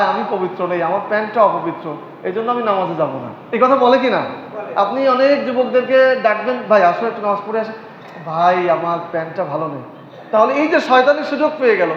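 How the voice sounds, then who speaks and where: A man preaching a sermon, repeating key phrases, asking the audience questions and chanting Arabic verses. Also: very high voice. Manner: recites Arabic verses and hadith in a slow chant. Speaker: Islamic preacher. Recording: echoey hall, dull lo-fi sound, faint noise.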